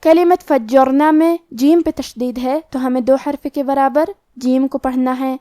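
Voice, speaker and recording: A woman teaching tajweed, explaining each rule plainly and then reciting the words slowly. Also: high-pitched, steady tone, dark tone, dry recording, studio quality. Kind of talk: tajweed lesson with slow recitation.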